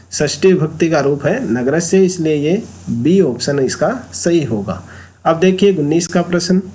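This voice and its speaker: A man with a Hindi accent teaching an exam-prep Sanskrit grammar lesson, explaining slowly and repeating key terms. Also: a little high, a little mellow.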